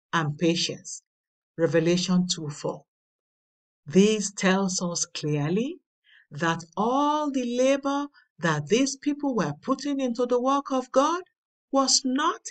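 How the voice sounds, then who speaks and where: A woman slowly reading a daily devotional with scripture passages, deliberate and emphatic. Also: mid-range voice, far from the mic. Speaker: devotional reader. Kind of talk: slow read devotional with scripture.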